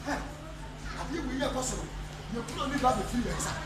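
A young man with a Ghanaian English accent preaching a sermon, swinging between loud calls and low asides as he moves about the stage. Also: animated, fast talker, heavy background noise. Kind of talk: sermon with call and response. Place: large church hall under a metal roof. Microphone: handheld microphone. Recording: echoey hall, far from the camera, music behind.

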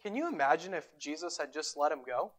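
A man preaching a sermon as pastor, retelling a scripture story with dramatic emphasis and deliberate pauses. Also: a little high, lively intonation, a bit bright. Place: church sanctuary.

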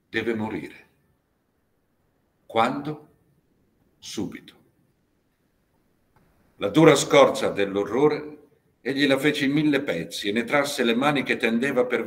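A man giving a dramatic poetry reading at a university lecture, measured and expressive, with many pauses and swings in loudness. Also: lowish voice.

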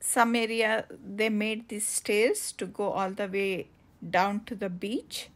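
A woman narrating a casual travel vlog outdoors on coastal cliffs, halting with many fillers and restarts. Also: mid-range voice, flat delivery. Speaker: travel vlogger.

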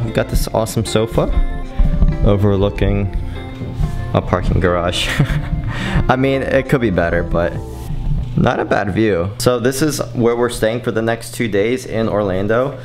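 A young man in his twenties making a casual travel vlog, chatty and joking as he talks to a camera held at arm's length. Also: lowish voice. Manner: jokey, chatty, laughs at his own jokes. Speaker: travel vlogger. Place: restaurant, then hotel room. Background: background music.

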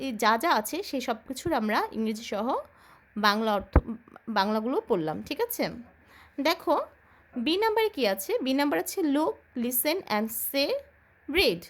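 Bangladeshi lady teaching kids english, high voice, lively, spells stuff out slow and asks then answers herself. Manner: slow, drilling, spells words letter by letter; asks and answers own questions. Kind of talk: children's English lesson.

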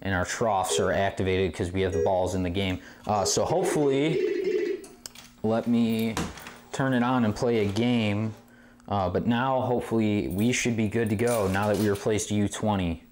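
In a game room lined with arcade machines, a man with a lowish voice at a moderate pace hosts an easygoing, hands-on pinball repair video. A tripod camera a short distance away records him, picking up clear background noise and clicks.

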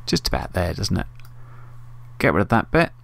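A man hosts a casual screen-recorded tutorial on a USB desktop microphone, thinking aloud informally as he works. His low-pitched, gravelly voice is sing-song and a bit bright, at a normal speed.

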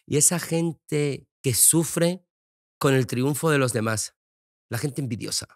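A man's voice: medium pitch, slow pace, no room sound, studio quality. A middle-aged man, a guest in a casual interview chat, talking frankly and expressively and swearing freely.

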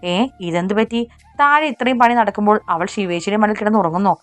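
A woman's voice: mid-range voice, brisk, soft background music, close to an everyday voice. A woman voicing a teasing, hot-headed younger brother in a romance audiobook. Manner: teasing, then resentful.

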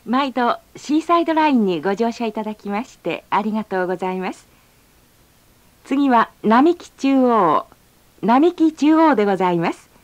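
A woman's voice: on the high side, darkish tone. Woman giving a formal train announcement. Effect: recorded onboard train announcement. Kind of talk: polite formal announcement, slow station names. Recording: slightly dull lo-fi sound.

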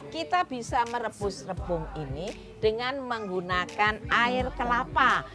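A woman hosting a cooking demonstration on an outdoor street stage, explaining each step in a chatty, instructive way and often addressing the audience directly. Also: fairly high pitch. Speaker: cooking show host. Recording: music playing behind.

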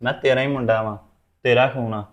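A man's voice: medium pitch, fairly even intonation, brisk, lightly acted. A stubborn young Punjabi son, played by a man, blunt and insistent as he presses his mother for the truth. His voice sits mid-range and comes through a dull, lo-fi recording. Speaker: grown son in a family drama. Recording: dull lo-fi sound.

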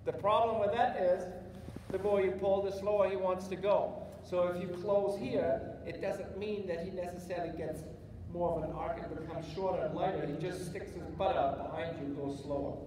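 In a large indoor riding arena, a middle-aged clinic instructor coaches a rider live in a high voice with fairly even intonation at normal speed. He offers brief words of encouragement and explains things patiently. The recording, from a spectator's camera at a distance, is echoey and full of loud background noise.

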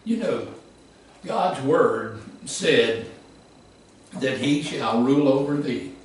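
A man preaching a sermon, emphatic, rising to shouts and dropping low. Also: lively intonation, slow pace. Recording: echoey hall from far off.

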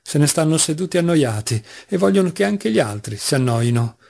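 A man voicing a proud, quick-tempered young woman who scolds the men around her. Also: on the high side, big pitch swings, creaky, exaggerated voice. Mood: scolding. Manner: sharp and scolding.

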